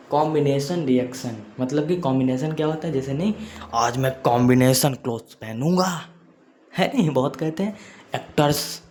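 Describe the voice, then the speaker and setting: A man's voice: mid-range voice, warm tone. A man teaching a chemistry lesson, repeating points and often checking in with students. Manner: repeats points, frequent "theek hai" check-ins. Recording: echoey room with faint noise.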